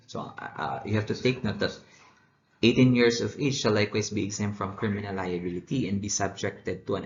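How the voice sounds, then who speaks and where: A man with a Cebuano accent teaching criminal law, reading legal provisions aloud and adding short Cebuano asides. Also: fairly low pitch. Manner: reads legal text aloud, mixing English with Cebuano asides. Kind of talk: recorded lecture. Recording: echoey room, dull lo-fi sound.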